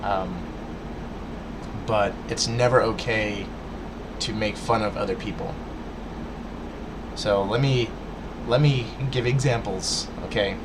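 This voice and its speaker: A vlogger with a fairly low voice addresses his viewers slowly, leaving long pauses, as noise hums in the background. His casual rant is earnest and lecturing, broken by stuttering, restarts and filler words.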